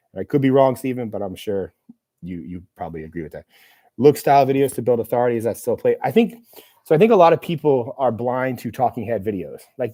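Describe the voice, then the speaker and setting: Warm and medium-pitched, a man's voice rambles through a casual live-stream Q&A he's hosting, peppered with fillers and self-deprecating remarks. A camera operator is in the room with him.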